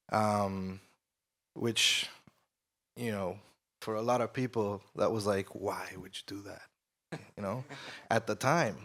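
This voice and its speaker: Ecuador-born man, low voice, relaxed and rambling panelist on a handheld mic. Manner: relaxed, with many fillers and restarts. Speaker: panelist, studio manager and engineer. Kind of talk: conference panel talk. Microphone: shared handheld mic.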